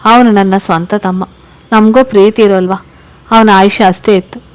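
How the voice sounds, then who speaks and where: A woman's voice: medium pitch, steady tone, normal speed, natural voice. A woman voicing a loving young husband who speaks in a soothing, earnest way, without changing her plain voice much.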